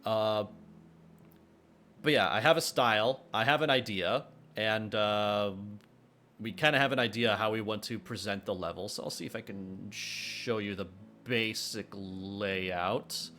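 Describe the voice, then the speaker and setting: His voice runs on the low side, pushed and bright, with a measured pace. The young man is streaming game development in a loose, rambling chat packed with hesitations and restarts, telling jokes and reading chat questions out loud as faint music plays.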